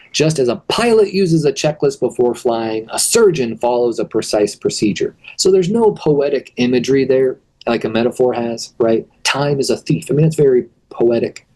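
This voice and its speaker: A male teacher talks through a recorded video lesson in an easygoing, explanatory way, tossing in rhetorical questions. His voice sits at a middle pitch with a dark, mellow tone. He is starting to lose his voice, so it sounds a little worn. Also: breathy edge, poor audio. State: losing his voice.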